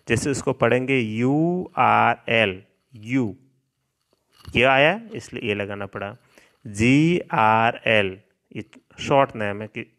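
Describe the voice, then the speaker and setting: A man's voice: mid-range voice, fairly bright tone. A man teaching a lesson, spelling out English words letter by letter and repeating each rule.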